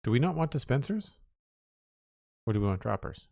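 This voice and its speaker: Warm and mid-range, with vocal fry and big swings in pitch, the streamer talks at a moderate pace in a clean studio recording with no room sound. He's a young Maritime-accented man from Nova Scotia, casually rambling to viewers mid-game and counting aloud.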